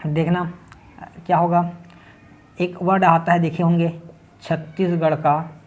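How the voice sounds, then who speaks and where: A man's voice: a little high, level tone, takes it slowly. A man from Chhattisgarh teaching English grammar in Hindi with a local accent, explaining step by step and often checking in with his class. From Chhattisgarh, India. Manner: step-by-step, keeps checking in with "ठीक है". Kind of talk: classroom grammar lesson at a board.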